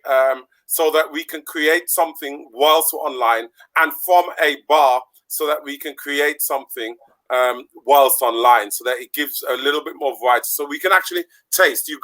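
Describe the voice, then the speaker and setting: A man's voice: on the high side, normal speed, fairly bright tone, poor audio. A man from the Caribbean hosting an online show in a chatty, rambling way, laughing often, speaking over a video call. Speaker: podcast host. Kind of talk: casual online show chat.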